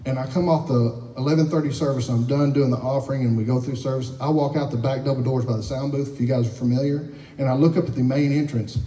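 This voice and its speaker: A man, a pastor telling a lively testimony story to his church, laughing often as he talks. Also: medium pitch, fast talker. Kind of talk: sermon testimony. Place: church sanctuary. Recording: echoey hall, from far off.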